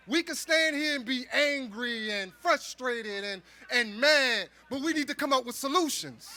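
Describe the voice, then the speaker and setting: A middle-aged man from New Orleans giving an emphatic rally speech as an organizer, with repeated, shouted calls. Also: very high voice. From New Orleans, Louisiana. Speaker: activist organizer speaking at rally. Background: rally crowd.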